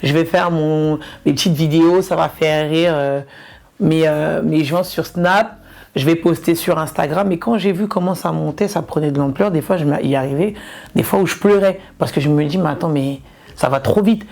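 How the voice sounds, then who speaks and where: A woman's voice: low voice, moderate pace, darkish tone. A woman from Ivory Coast, a comedian and influencer, chatting casually in an interview and repeating words for emphasis.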